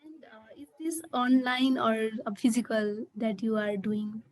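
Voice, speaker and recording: A woman's voice: a little high, steady tone, measured pace, poor audio. A woman hosting an interview podcast, asking questions hesitantly with frequent fillers. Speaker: podcast host.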